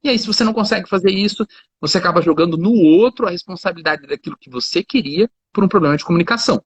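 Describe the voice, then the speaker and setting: Racing along in a high, breathy voice, a lawyer guest holds a casual conversation full of everyday examples and fillers like "cara" and "né." There's no room sound, and the audio is dull and lo-fi.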